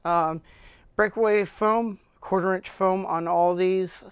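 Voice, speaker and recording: A man hosting his own channel, casually showing his equipment cases off camera, with lots of fillers and frequent throat clearing. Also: high voice, fairly even intonation, takes it slowly, dry recording. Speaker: channel host reviewing gear cases. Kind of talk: casual product show-and-tell. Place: indoor room with cloth backdrop, speaking off camera.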